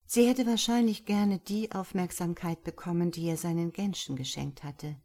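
A woman reads a story aloud in a measured way, her voice sitting slightly low. She narrates between the characters' lines. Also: steady tone, gravelly, warm tone. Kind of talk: audiobook reading of a story.

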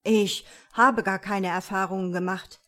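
A woman's voice: medium pitch, steady tone, measured pace, bright, forceful tone. A woman voicing a young, dreamy prince who resents becoming king. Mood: weary. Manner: sulky, dramatic outbursts.

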